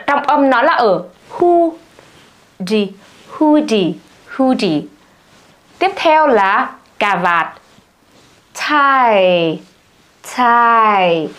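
A woman teaching English vocabulary, saying each word several times slowly and stressing it. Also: high voice, fairly bright tone. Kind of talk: vocabulary lesson.

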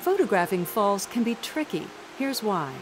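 A woman giving calm, measured scripted narration for an outdoors documentary. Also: mid-range voice, noisy background.

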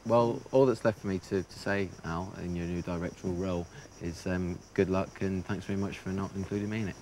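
A man's voice: low voice, fairly even intonation, a little fast, darkish tone, a little hiss or hum. A man presenting, asking questions and narrating in a cheeky, wry way.

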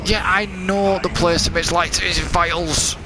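A young man giving let's play commentary, muttering, swearing and getting excitable as he plays. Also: sits high, a little slow. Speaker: gaming commentator. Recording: game music loud behind voice.

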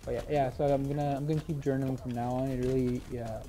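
A man's voice: medium pitch, little pitch movement, quick pace, warm tone. A young man talking casually over gameplay, nervous, with a stutter and lots of restarts. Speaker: vlogger. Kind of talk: casual gaming commentary.

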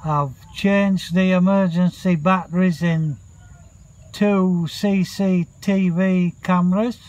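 A man with a high-pitched voice chats on camera outdoors by a pool. He speaks slowly and loosely, cursing now and then and shouting to his dogs between remarks. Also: steady tone. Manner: chatty, swears mildly, calls out to dogs. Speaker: vlogger. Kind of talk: casual vlog chat.

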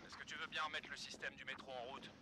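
A steady soldier gives quick, matter-of-fact orders, voiced by a man in a game dub. His speech moves fast. The sound is distant game audio with clear noise behind it. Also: mid-range voice, lightly acted. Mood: instructive.

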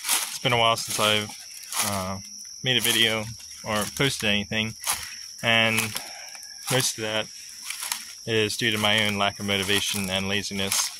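A young man vlogging on a phone held at arm's length outdoors on a farm, talking in a halting way with many filler words. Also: lowish voice, level tone. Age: young adult. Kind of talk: casual vlog. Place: outdoors on a farm, among trees and under a tin-roofed shed. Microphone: phone camera at arm's length. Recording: outdoor phone recording with loud insect noise. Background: insects and crickets outdoors.

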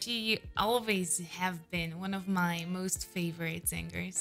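In a shelf-lined room at home, a thirtysomething vocal coach leans into a large studio condenser mic and gushes over a song in casual commentary. Her mid-range English, spoken as a non-native, is peppered with "uh."

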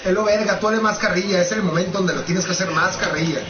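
Young man, high voice, crude teasing banter, echoey dull recording, noisy background. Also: fast. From Mexico. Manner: teasing, crude, repeats questions. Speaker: streamer commentating a fighting game match. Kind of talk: rowdy casual banter. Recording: roomy, dull sound with clear background noise.

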